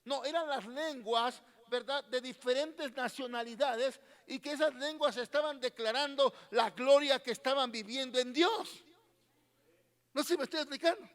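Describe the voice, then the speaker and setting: A man's voice: extremely high pitch, normal speed, a bit bright, big-room sound. A man with a Mexican Spanish accent preaching a sermon as pastor, constantly questioning his congregation and repeating his words. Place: church hall.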